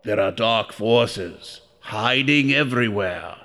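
A man's voice: on the low side, slow, pushed and bright, heavily acted. A man playing a courtly, dignified king and father in a fairytale audio drama, formal and a little pompous. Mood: formal, earnest. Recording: long reverb of a great hall.

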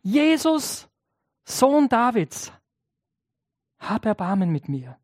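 A man preaching who voices a blind beggar at the roadside, calling out loudly and pleading. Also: very high-pitched, big pitch swings, takes it slowly, dry recording, studio quality, full character voice. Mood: pleading cry.

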